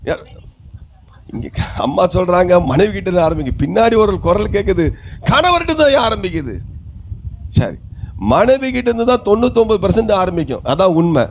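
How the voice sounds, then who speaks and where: High-voiced pastor man, tamil nadu accent, preaching and quizzing the church, slight noise behind. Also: expressive, a little fast, gravelly, a little mellow. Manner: preaching with questions to the congregation and calls of hallelujah. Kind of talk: sermon.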